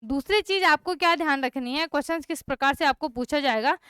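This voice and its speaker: A woman's voice: high voice, fairly quick, pushed and bright, no room sound, clean studio sound. A young woman teaching a chemistry class online, often checking that students have understood. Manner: repeats checks like "clear?" and "okay" to students.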